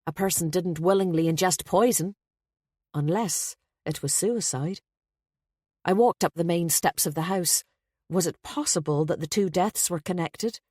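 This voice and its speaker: Woman audiobook narrator, low voice, wry introspective first-person telling. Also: a little slow, a little mellow, no room sound, clean studio sound.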